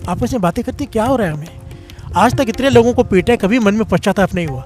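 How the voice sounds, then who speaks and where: A man's voice: animated, fast talker, a little mellow, faint music behind. A man preaching a devotional sermon, telling a story with half-sung phrases and calling out for the congregation to respond. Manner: storytelling, half-sung phrases, swells in pitch when moved.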